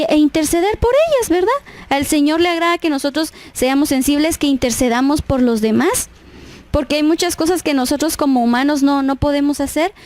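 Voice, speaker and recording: A woman's voice: high-pitched, a little mellow, no echo. A woman giving an earnest devotional talk at church, often checking in with her listeners. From Guatemala. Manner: earnest, tags phrases with "¿verdad?". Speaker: church speaker.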